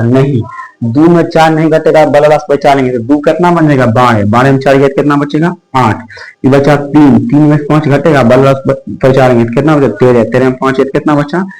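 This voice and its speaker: A man's voice: mid-range voice, low-quality recording. A man teaching a maths lesson online in a folksy, repetitive way, asking questions and answering them himself. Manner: folksy, addresses pupils as brother.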